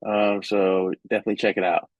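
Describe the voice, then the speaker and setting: A man's voice: fairly low pitch, flat delivery, fairly quick, no echo, dull audio. Chatty man. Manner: chatty, loose, many fillers and restarts. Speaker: tech vlogger. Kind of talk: casual vlog event rundown.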